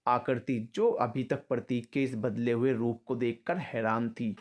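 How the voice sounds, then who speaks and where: A man's voice: medium pitch, a little slow. Male storyteller narrating a love story. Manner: steady, dramatic storytelling. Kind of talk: scripted narration.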